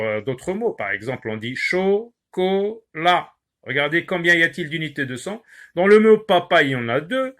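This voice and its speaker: A male teacher giving a lesson on syllables, repeating words slowly and pausing often with hesitations. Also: on the high side, fairly bright tone. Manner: slow, drawn-out word repetitions with many "euh" pauses. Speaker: primary school teacher.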